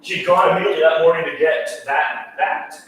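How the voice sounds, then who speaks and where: An Indian man whose first language is Tamil, an artist, speaks in a casual interview, driving his points home by repeating them emphatically. His voice sits on the high side, steady and fairly bright, at a fairly quick pace. The recording is echoey, with a distant mic and faint hiss.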